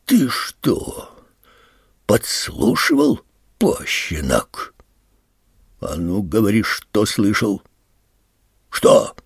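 A brutal, heavyset stepfather growls low, slow threats, as a man reading the audiobook puts him on. The voice is gravelly and husky. It is dry and close, with no room around it. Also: no room sound, exaggerated voice. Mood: interrogating.

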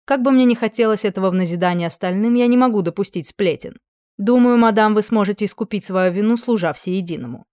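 A woman's voice: medium pitch, quick pace, dark tone, no room sound, clean studio sound, close to an everyday voice. A woman doing a cold mocking king. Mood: stern. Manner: sardonic, cutting.

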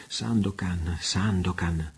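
A man's voice: sits low, takes it slowly, breathy edge, full character voice. A man reading as a devoted young noblewoman. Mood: pleading. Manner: pleading, tender.

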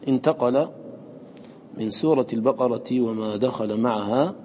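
A man teaching Quran recitation to students. He chants the recited words slowly between quicker explanations and checks in with short questions. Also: mid-range voice, a little mellow, big-room sound, slight background noise.

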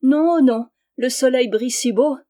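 A lively, teasing teenage island girl from an old storybook, put on by a woman reader. She talks quick and playful, pitched higher and louder than the narration, with a warm, mellow grain underneath. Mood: cheerful.

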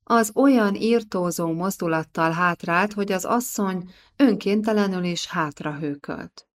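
A woman reading a historical novel aloud as an audiobook narrator, in measured scripted narration. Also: lowish voice. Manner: measured storytelling.

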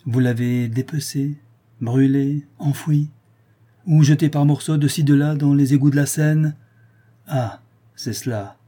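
A man reading aloud, voicing a calm, ironic man who corners a murderer with cool, relentless mockery. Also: mid-range voice, unhurried, pitched above the performer's own voice, natural voice. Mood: coolly mocking.

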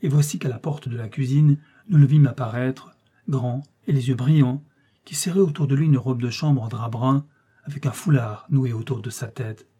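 A man reading a literary story aloud as an audiobook narrator, in a measured, expressive storytelling manner. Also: mid-range voice, slightly rough.

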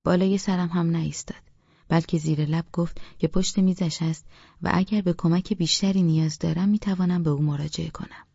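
Gravelly flat-voiced man narrating. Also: a little high, no echo, muffled recording. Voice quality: gravelly, husky. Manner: flat, even reading. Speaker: audiobook narrator. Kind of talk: scripted first-person narration.

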